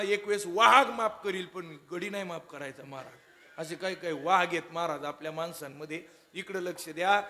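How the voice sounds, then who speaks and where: Kirtan preacher guy, high bright voice, loud and jokey, keeps calling the crowd to listen. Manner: loud, emphatic, joking, calls out to audience. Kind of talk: devotional kirtan sermon.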